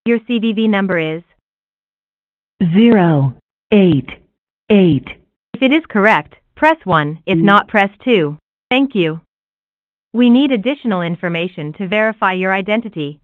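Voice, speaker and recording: A woman's voice giving recorded phone menu prompts in an even, measured delivery. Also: mid-range voice, no room sound. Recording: tinny dry phone line.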